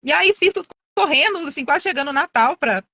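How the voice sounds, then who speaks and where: A middle-aged woman tells a long story in a high, bright voice and talks quickly. She is chatty and keeps restarting her phrases. The sound is dry and close, as on a video call. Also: animated, no room sound. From Minas Gerais, Brazil. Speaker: course student giving a testimonial. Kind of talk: casual testimonial on a live video call.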